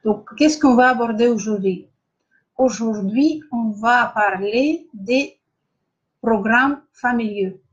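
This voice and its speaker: A middle-aged Russian woman with a Russian accent hosts an online masterclass on a live stream, speaking French hesitantly with many filler pauses and greeting viewers by name. Her voice is a little high, and the highs are cut off in the recording.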